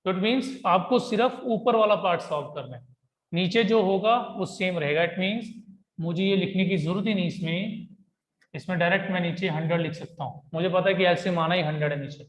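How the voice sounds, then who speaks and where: A man's voice: high-pitched, brisk, slight background noise. A young man teaching a math lesson in a chatty way, often checking in with his students. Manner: chatty, repeats "ठीक है जी" and "भाई". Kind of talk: classroom-style math lesson. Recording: echoey room.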